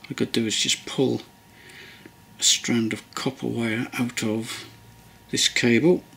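A man's voice: mid-range voice, flat delivery, unhurried, creaky, a bit bright, husky. A man casually narrating a model-building tutorial at his workbench, rambling and hesitant with many ums and restarts. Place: hobby workbench indoors.

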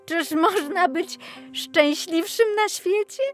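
A woman voicing a proud, boastful piece of linen in an audiobook fairy tale, self-admiring and exclaiming. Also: slow. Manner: exclaiming, self-admiring, lively rises in pitch. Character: proud, boastful piece of linen, once a small flax plant. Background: faint music.

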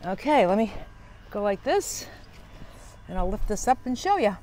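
The audio is poor, with a little hiss or hum, as an older, senior woman speaks in a mid-range, dark-toned, sing-song voice at a moderate pace. Wearing a small clip-on lavalier mic at the open side door of a camper van outdoors, she vlogs a casual, chatty how-to tour and explains as she works with her hands.

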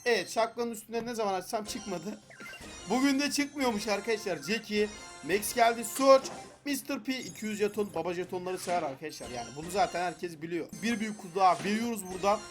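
A young man giving excited gameplay commentary, frustrated and pleading with the game as he opens loot boxes. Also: high-pitched, fairly quick, soft background music. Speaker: gaming YouTuber.

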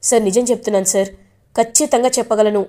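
A woman's voice: fairly high pitch, fairly even intonation, fast, warm tone, lightly acted. A woman reading an earnest loyal young man. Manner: earnest, respectful.

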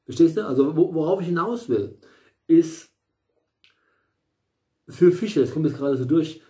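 A man's voice: on the high side, lively intonation, measured pace, dark tone. A middle-aged man giving a casual tarot reading at home, rambling with many fillers and restarts and the odd blunt aside. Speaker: tarot reader. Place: small room at home, in front of a bright window.

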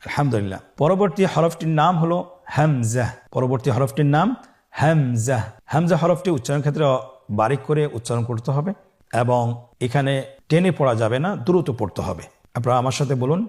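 Man from Bangladesh, Quran tutor, somewhat high pitch, calm methodical lesson delivery. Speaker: Quran teacher. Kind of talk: recorded reading lesson.

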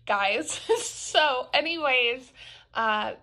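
A woman's voice: sits high, very slow, bright, forceful tone. A young woman vlogger chatting casually to camera, her speech a little altered by braces and a palate expander, rambling with lots of fillers.

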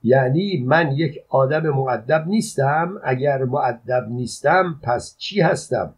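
A man's voice: medium pitch, slightly rough. A man reading an audiobook voices a rude male visitor who answers back with insolent outrage. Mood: indignant. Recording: dull lo-fi audio.

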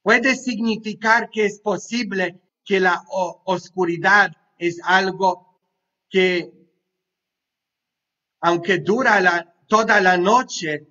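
A priest preaches a homily in a lively, joking way, tossing quick questions and asides at his listeners. His voice sits high and bright, and he takes his time over the words. The recording is dull and lo-fi. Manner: half-sings song lines loudly. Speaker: pastor. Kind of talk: sermon.

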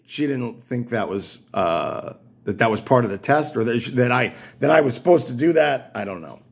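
Man, casual vlog storytelling, gravelly husky voice, lively pitch, wry and rambling. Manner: rambling, self-interrupting, wry. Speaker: vlogger.

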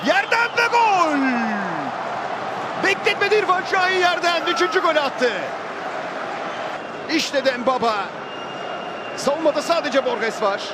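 A man's voice: extremely high pitch, a little slow, pauses often. A man giving live play-by-play commentary on a football match. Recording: loud stadium crowd and noise. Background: roaring stadium crowd.

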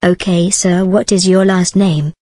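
A woman playing a polite female party clerk who takes bookings in a brisk, businesslike way. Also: fairly low pitch, fairly even intonation, mellow, no echo, clean studio sound.

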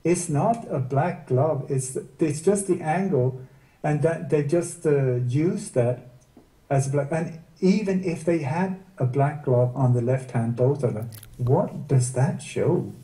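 Dark, distant man in casual interview. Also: fairly high pitch, slow pace. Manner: sarcastic rhetorical questions. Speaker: guest researcher. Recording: distant roomy mic.

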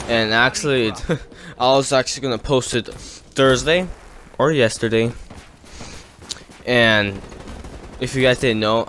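A man's voice: mid-range voice, pushed and bright, a little hiss or hum. Rambling teenage guy telling a story. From California. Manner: rambling, filler-heavy, laughs between lines. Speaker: gaming YouTuber. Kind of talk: casual storytelling over gameplay.

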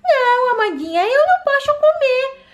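A woman's voice: very high-pitched, big pitch swings, moderate pace, dull audio. A woman doing a timid new doll sister. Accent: Brazilian Portuguese. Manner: timid, meek. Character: shy new doll sister, little girl.

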